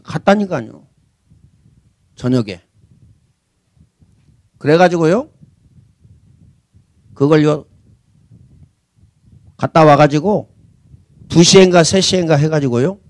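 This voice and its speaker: A man's voice: fairly high pitch, slow, pauses often, dry recording. A man preaching a sermon as senior pastor, talking conversationally and asking rhetorical questions.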